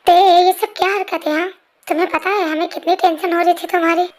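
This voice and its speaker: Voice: very high voice, level tone, quick pace. A performer voicing a strict, worried mother who scolds sharply, in an amateur fan dub voice-over. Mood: scolding.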